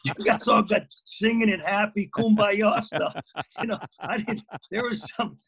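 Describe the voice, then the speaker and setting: A man's voice: high-pitched, normal speed, creaky, fairly bright tone. A male co-host joking and ribbing the others in a casual chat.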